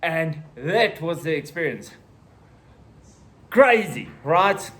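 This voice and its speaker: A South African man in his thirties telling a personal story in a casual vlog, acting out the voices and the shouting. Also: fairly high pitch, sing-song, slow, slight background noise. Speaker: vlogger.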